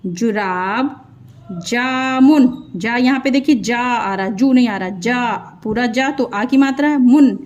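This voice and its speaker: Woman teaching kids to read, says each syllable slow and asks questions as she goes. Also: a little high, a little mellow, dull audio. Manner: sounds out syllables one by one, repeating words. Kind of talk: slow children's phonics lesson.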